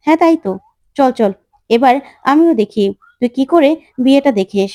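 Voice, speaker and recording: A hostile, sharp-tongued aunt in a serial recap, played by a woman narrator. Her scolding comes out high and close. The sound is dry. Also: expressive, moderate pace, no room sound. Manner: scolding, bossy.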